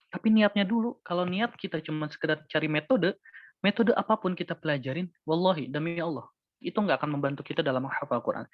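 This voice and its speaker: A man with a fairly high voice gives a casual, earnest webinar talk and teaches. The sound is close and dry, with a dull, muffled tone. Now and then he acts out the worries of older learners. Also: dry recording. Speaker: Quran memorization teacher.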